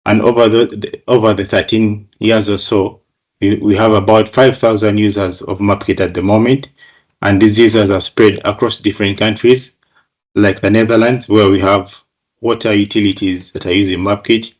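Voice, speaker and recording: A middle-aged man from Uganda giving a webinar presentation over a video call, measured, often repeating words as he goes. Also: on the low side. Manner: measured, flat delivery with frequent repeated words.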